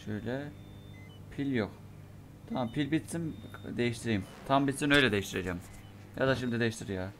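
A young man giving let's play commentary on a horror game, talking to himself and cursing in bursts, his voice going hoarse from a sore throat. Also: mid-range voice, fast talker, long pauses, fairly bright tone, slight background noise. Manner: mutters to himself, curses and reacts in bursts. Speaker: gamer playing a horror game.

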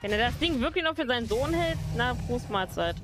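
A woman's voice: a little high, lively intonation, brisk, music in the background. A woman doing casual let's play commentary and reading game text aloud as a streamer. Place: indoors at a desk, webcam stream.

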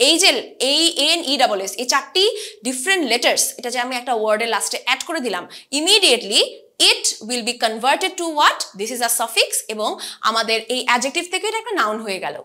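A young woman from Bangladesh, teaching an online English pronunciation lesson and slowly stressing the English terms. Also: high voice, sing-song, bright, forceful tone. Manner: slow, careful stress on English terms, mixing Bengali and English. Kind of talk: online lesson explaining grammar.

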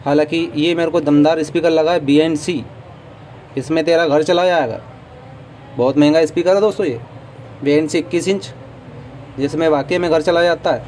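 A man's voice: fairly high pitch, steady tone, moderate pace, long pauses, a little mellow, a little hiss or hum, rough recording. A man walking through a trade show stall, chatting to his viewers about the gear with opinionated asides, recorded on a handheld phone. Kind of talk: casual walkthrough vlog. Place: busy indoor trade show hall. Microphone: phone camera held while walking.

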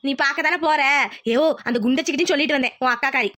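A woman voicing a bossy, scheming village mother-in-law in a cartoon, talking quickly and insistently. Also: high-pitched, bright, forceful tone. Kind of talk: cartoon voice acting.

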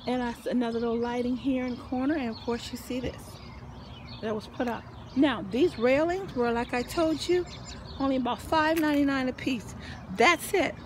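In a casual home video tour, an older woman vlogger with a high-pitched voice speaks at a moderate pace against background noise. She mentions losing her voice while filming her backyard garden outdoors on a handheld phone, and keeps up a lively, preachy stream of encouragement laced with church phrases.

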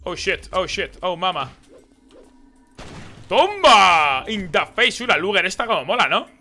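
Excitable gamer man, very bright voice. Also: sits high, measured pace, soft background music. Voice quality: excitable, swears and blurts reactions. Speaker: gaming streamer. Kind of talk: live gameplay commentary.

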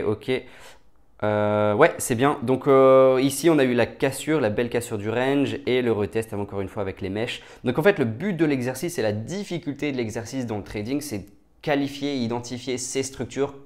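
A man's voice: medium pitch, a little mellow. A man, casually talking through price charts as a market analyst, with frequent fillers, restarts and check-in questions. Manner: many fillers and restarts, asks "d'accord?" often.

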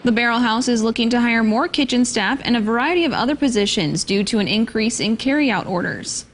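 Woman, news anchor, scripted stories, slightly high voice. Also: fairly quick, background noise.

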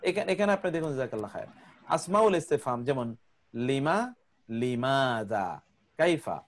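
Higher-voiced man teaching grammar slowly. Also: big pitch swings. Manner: patient, repeats word lists slowly for drilling. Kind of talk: online class lecture.

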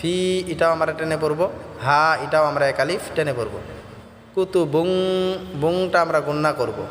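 A man's voice: on the high side, a little slow, a bit bright, echoey room, long reverb tail, faint music behind. A man teaching Quran pronunciation, patiently explaining each sound step by step.

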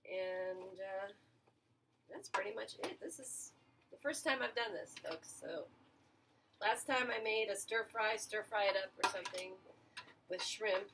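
A woman's voice: medium pitch, unhurried. Woman chatting thru her cooking vlog in the kitchen, medium voice, bit of hiss. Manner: chatty, talks to viewers while cooking and tasting. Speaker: home cooking vlogger.

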